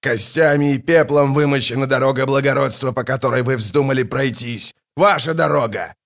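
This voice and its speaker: A scornful ancient tyrant king, as a male reader puts him on. He speaks with contempt and flares into furious shouting. The voice sits in a middle register in an audiobook drama. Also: mid-range voice, moderate pace, close to an everyday voice. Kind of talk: audiobook reading with character voices.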